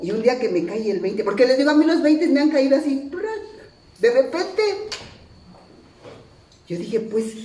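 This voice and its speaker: A woman's voice: sits high, expressive, moderate pace, long pauses, dark tone, recorded from a distance, a little hiss or hum. A middle-aged woman with a Mexican accent sharing her frank, profane personal testimony at a recovery meeting, laughing often as she tells it. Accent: Mexican Spanish. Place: meeting hall. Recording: very echoey hall, speaker off-mic, crowd murmur.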